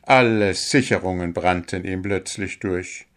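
A man narrating a children's story in a slow, measured way. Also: low voice.

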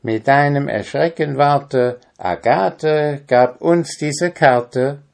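A man's voice: mid-range voice, slow pace, gravelly, voice pushed up. A man voicing two cheerful ducklings who speak in sing-song rhymes in a storybook reading.

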